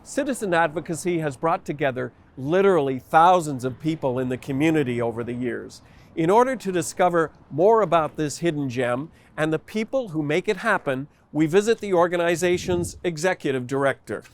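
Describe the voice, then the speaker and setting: A man hosting and narrating a community documentary in a measured, steady way. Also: a little high. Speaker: host and narrator.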